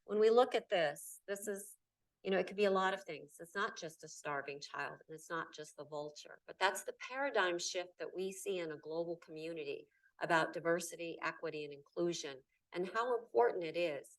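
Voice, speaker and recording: Picked up from well off the mic, a middle-aged Nebraska woman delivers an emphatic keynote in a lecture hall. Speaking a little fast in a lowish voice, she hits key words hard in repeated lists.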